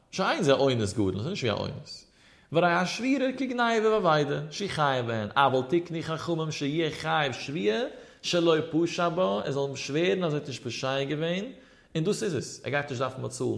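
A man teaching a religious legal text. He reads Hebrew passages in a quick chant, then explains them in German. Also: on the high side, gravelly. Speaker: Torah teacher. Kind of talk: Talmudic lesson mixing Hebrew text with Yiddish-style German.

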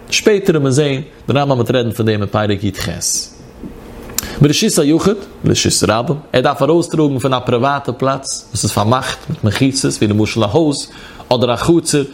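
A man with a Yiddish accent teaching a Talmud lesson in a singsong study chant that keeps rising and falling. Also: fairly high pitch. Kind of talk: traditional Talmud study lecture.

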